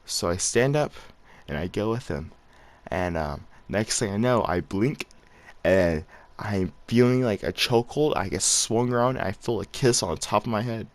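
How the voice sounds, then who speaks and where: A man's voice: on the low side, lively intonation, moderate pace. A man casually telling a personal story to his viewers, slangy and rambling, often chuckling as he goes. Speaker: vlogger.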